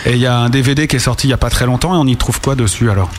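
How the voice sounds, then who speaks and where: A man's voice: medium pitch, very fast, a little hiss or hum. Man hosting a casual radio chat. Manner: slangy, familiar. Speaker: radio show host.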